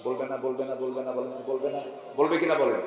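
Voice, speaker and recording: A male preacher tells stories in an open-air sermon, alternating loud, high declaiming with hushed, low passages and prompting the crowd to answer. His voice is heard from a distance through heavy, long echo, with a dull, muffled tone. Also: steady tone, a little fast. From Bangladesh. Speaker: Islamic preacher. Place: large outdoor religious gathering. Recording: echoey far-off loudspeaker sound, dull.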